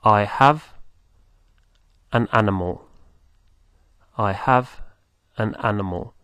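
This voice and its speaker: A man teaching beginners, speaking slowly and patiently, repeating words for the listener to copy. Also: fairly low pitch, fairly bright tone, no room sound. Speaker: language teacher. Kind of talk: slow, patient teaching with pauses.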